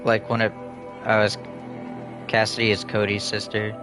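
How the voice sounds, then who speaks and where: A man's voice: on the low side, monotone, moderate pace, over music. A man streaming a video game, chatting casually in a rambling, profane, joking way. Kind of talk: casual chat while gaming.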